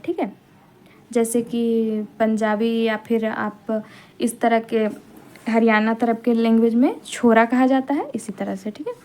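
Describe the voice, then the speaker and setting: A woman teacher retelling a folk tale for an exam-prep lesson, explaining slowly, asking questions and checking the students follow. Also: a little high, a little mellow.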